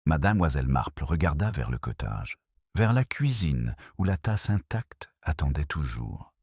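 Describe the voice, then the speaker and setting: A man narrating a mystery story in a slow, even storytelling manner. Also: very deep voice, husky, no room sound, studio quality.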